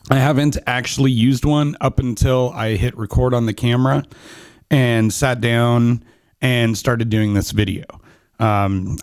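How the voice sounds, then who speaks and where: A man in his thirties with a medium-pitched voice reviews microphones for a podcast, chatting casually from a small home studio. He speaks close into a studio condenser on a boom arm with no pop shield, relaxed and full of ums and restarts, and the recording has no room sound.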